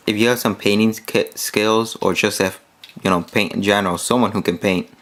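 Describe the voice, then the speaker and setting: Low-voiced man rambling through a toy review. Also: a bit bright. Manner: rambling, many fillers like "like" and "yeah"; hands-on, demonstrating while talking.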